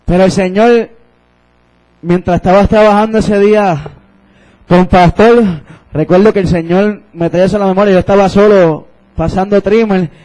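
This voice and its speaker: Fervent young preacher, high voice. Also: male voice, fairly even intonation, normal speed, a little mellow, rough recording. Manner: fervent, repeats phrases and interjects "aleluya". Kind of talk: sermon with personal testimony.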